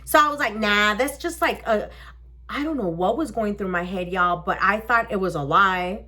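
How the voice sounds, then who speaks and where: A young woman vlogger telling a personal story in a casual, animated way, swearing often and acting out the people in it. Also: medium pitch, brisk. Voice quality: animated, swearing, acts out voices in her story.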